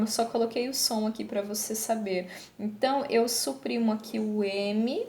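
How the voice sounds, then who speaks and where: A woman teacher with a fairly high voice explains things patiently, one step at a time, often checking that her class is following. She slows right down to read examples aloud. Her voice rings in an echoey room under a faint hiss. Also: darkish tone. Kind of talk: recorded online class.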